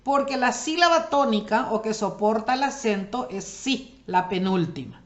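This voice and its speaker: Brief: woman teacher, fairly high voice, explanatory lesson delivery, poses and answers her own questions. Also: animated. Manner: slows to spell out example words one by one. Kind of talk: recorded grammar lesson.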